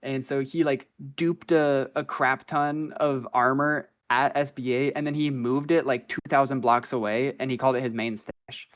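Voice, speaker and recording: A man's voice: medium pitch, steady tone, normal speed, few pauses, clear, resonant tone. Guy rambling on a gamer podcast, lots of "like" and "bro", laid-back storytelling. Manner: rambling, filler-heavy, slangy. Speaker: podcast guest. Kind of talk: casual storytelling chat.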